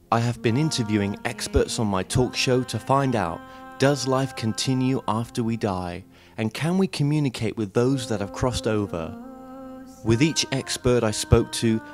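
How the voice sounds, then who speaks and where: Earnest male documentary narrator. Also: mid-range voice. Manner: earnest, inviting questions. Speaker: host and narrator of a documentary series. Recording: voice-over with faint music behind.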